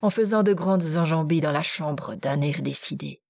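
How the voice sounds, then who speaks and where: A woman narrating a classic novel in a measured, expressive audiobook reading. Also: deep voice, vocal fry, no echo, clean studio sound. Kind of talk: literary narration.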